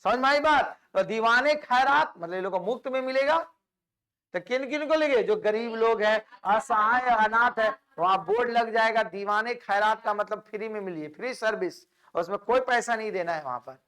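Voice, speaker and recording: A man's voice: high-pitched, moderate pace, bright, forceful tone, clean tone. A male teacher giving an exam-prep history lecture, repeating key names and quizzing his students, with English words mixed in. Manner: mixes English words into Hindi.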